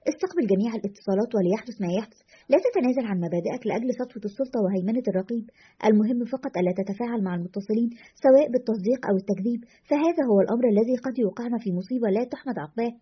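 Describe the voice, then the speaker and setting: A woman's voice: on the high side, animated, racing, breathy edge, muffled recording. A woman voicing an earnest, respectful young man who produces a radio show, in a storybook reading.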